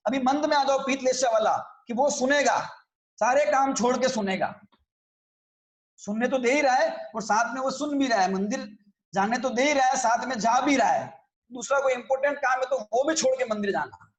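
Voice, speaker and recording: A man with an extremely high voice teaches a religious scripture class at normal speed, explaining conversationally and often checking that his listeners follow. The sound is reverberant.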